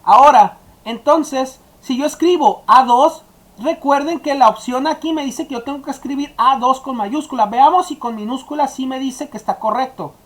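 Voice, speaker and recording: A woman's voice: high voice, moderate pace. Woman explaining a coding tutorial. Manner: explaining step by step, addressing students directly. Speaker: teacher. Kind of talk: screen-recorded coding tutorial.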